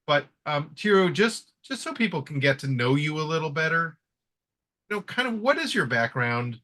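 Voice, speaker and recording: A man's voice: a little high, sing-song, moderate pace, sharp tone. A man hosting a live trading webinar, talking in a friendly casual way with many fillers and restarts. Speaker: webinar host.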